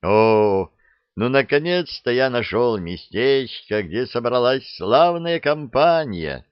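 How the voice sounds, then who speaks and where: A suave, carefree captain, as a male narrator puts him on, unhurried and airy with lively turns of phrase. The storybook audio is dull and dry. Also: medium pitch, no echo. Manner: smooth, languid, airy.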